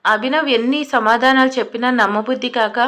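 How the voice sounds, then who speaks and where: Woman narrator with a slightly high voice. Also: fairly even intonation, fairly quick, a bit bright. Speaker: voice-over narrator. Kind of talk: scripted story narration.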